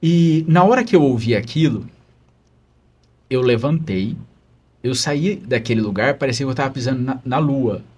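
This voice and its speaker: A man's voice: medium pitch, animated, normal speed, darkish tone, slightly rough. A man, a religious brother, telling an earnest, emotional story of his calling in a podcast interview.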